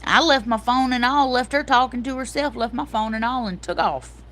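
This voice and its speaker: Middle-aged female host, casual livestream chat, lively storyteller. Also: fairly high pitch, normal speed. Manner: animated storytelling, addresses viewers as y'all.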